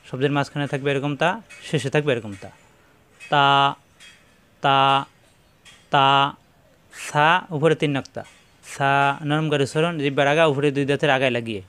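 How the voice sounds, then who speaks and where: Man, Quran reading teacher, slightly high voice, repeats each letter slowly, patient lesson tone. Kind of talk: step-by-step letter pronunciation lesson.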